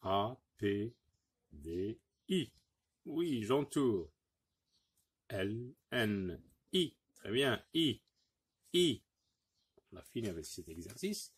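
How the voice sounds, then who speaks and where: Man teacher, husky, unhurried; sounds out words by syllable for young pupils. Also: fairly low pitch, very animated. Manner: repeats words slowly, syllable by syllable; patient, encouraging, addresses pupils directly. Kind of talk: phonics lesson for young pupils.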